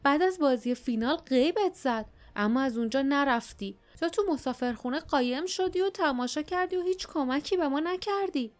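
A woman's voice: on the high side, close to an everyday voice. A woman voicing a wild young girl who speaks in a reproachful, cold way.

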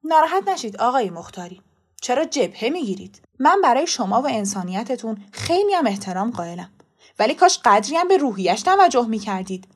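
Read by a woman, a school principal chooses his words with care, formal and apologetic. The voice is high for a man and stays close to the reader's own. It is told as a storybook reading. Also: big pitch swings, slightly rough. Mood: measured. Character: polite, careful male school principal.

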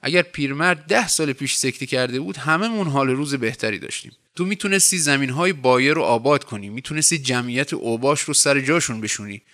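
A man's voice: medium pitch, lively intonation, hardly any pauses, bright, forceful tone. A man reading aloud voices an idle, sardonic young man of twenty-eight with a mocking, detached way of talking.

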